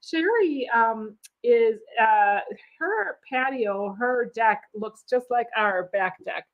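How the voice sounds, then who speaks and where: A woman's voice: fairly high pitch, lively intonation, slow pace, phone-quality sound. A woman hosting a casual cruise chat, reading out viewer comments in a bubbly, chatty way and laughing easily. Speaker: cruise vlogger host.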